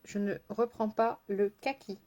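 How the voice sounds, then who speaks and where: A woman's voice: medium pitch, little pitch movement, measured pace, mellow. A woman makeup artist chatting casually on a live stream, laughing often and answering viewers by name as she works. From France.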